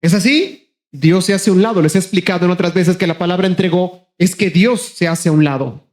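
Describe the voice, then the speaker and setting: A man preaching a sermon as pastor, passionately calling to his congregation, rushing ahead in quick bursts and then slowing down hard for emphasis. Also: high voice, darkish tone. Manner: impassioned, repeatedly addressing the congregation as brothers; shifts between rapid bursts and slow, drawn-out emphasis.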